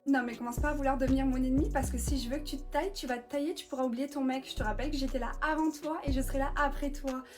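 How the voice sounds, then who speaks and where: A woman's voice: sits high, steady tone, rapid-fire, hardly any pauses. A woman performing comedy sketch dialogue in a brash, teasing and pushy way.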